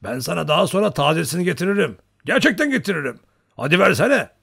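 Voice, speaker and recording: A man voicing a huge, bearded old male Cossack hunter who shouts in a loud, hearty voice. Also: on the high side, big pitch swings, quick pace, vocal fry, slightly rough, pitched above the performer's own voice, heavily acted. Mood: jovial pleading.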